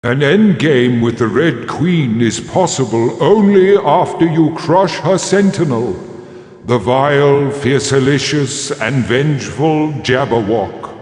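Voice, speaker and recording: An actor playing a portentous oracle in a video game, stately and declamatory, in a long cavernous reverb. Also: male voice, medium pitch, expressive, slow pace, a little mellow. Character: solemn, portentous male oracle speaking in riddles. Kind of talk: video game character acting.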